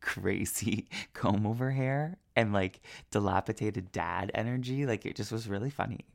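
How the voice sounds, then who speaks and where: Gravelly-voiced woman podcast co-host. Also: extremely low pitch, normal speed. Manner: playful, theatrical, swears for laughs. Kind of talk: casual chat.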